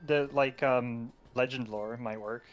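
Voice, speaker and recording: A man's voice: mid-range voice, steady tone, a little slow, soft background music. Man, tabletop player, hesitant, fillers, mid voice. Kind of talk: casual tabletop game chat.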